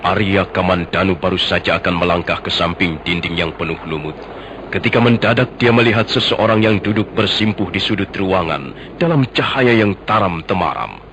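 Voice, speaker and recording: Deep-voiced male radio drama storyteller. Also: normal speed, background noise. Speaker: storyteller, narrator. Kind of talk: scripted radio drama narration. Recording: dull lo-fi radio recording. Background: prominent music.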